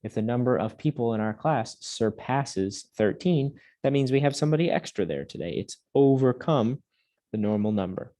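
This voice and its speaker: A man teaching a Latin lesson to young students, patiently drilling words aloud slowly and clearly. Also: medium pitch, expressive, warm tone. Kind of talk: recorded classroom lesson.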